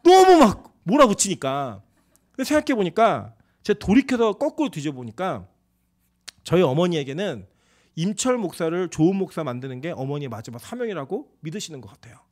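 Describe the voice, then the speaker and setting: A man in his forties, a pastor, preaching a sermon in an animated, conversational way and acting out quoted exchanges. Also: sits high, a little fast. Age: 40s. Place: church sanctuary.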